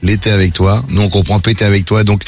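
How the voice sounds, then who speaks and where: A man's voice: lowish voice, flat delivery, quick pace, over music. A man in his fifties who hosts a radio morning show and chats with callers, joking and teasing them. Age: 50s. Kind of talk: lively radio talk with callers.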